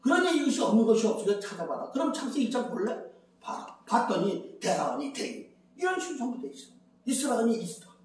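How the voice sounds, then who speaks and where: A man's voice: very high voice, big pitch swings, fast talker. An older man giving a rambling Bible lecture as a preacher, chatty, counting and repeating phrases. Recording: very echoey, from far off the mic.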